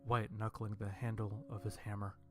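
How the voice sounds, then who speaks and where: A man narrating a first-person horror story in a dry, deadpan way. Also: lowish voice, brisk, soft background music.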